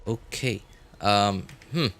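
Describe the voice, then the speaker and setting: Over game music, a male livestreamer with a lowish, slightly bright voice takes his time, tossing out short, informal thoughts on his gameplay and talking with viewers.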